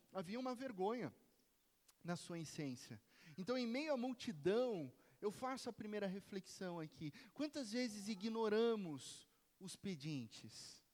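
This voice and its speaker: A man preaching a sermon as pastor, emphatic, his voice rising to shouts at the climaxes. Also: sits high. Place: church sanctuary. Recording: reverberant church hall.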